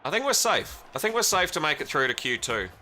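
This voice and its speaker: A young Australian man with a slightly high, very animated voice talks briskly, his tone pushed and bright over faint music. While racing on stream he rambles with viewers, answers chat and swears casually. Engine noise from the game sits behind him.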